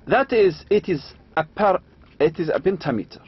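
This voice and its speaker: A man with an Arabic accent lecturing on poetry, reading slowly and adding quick asides. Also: high voice, lively intonation, slightly rough. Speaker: university lecturer. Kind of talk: lecture explaining English meter, mixing English and Arabic. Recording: dull lo-fi lecture recording.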